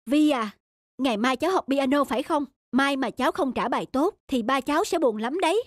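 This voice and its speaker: A performer voicing a strict, quick-tempered young stepmother in a children's cartoon, with a sharp, scolding way of talking. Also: sits high, expressive, no echo. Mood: stern.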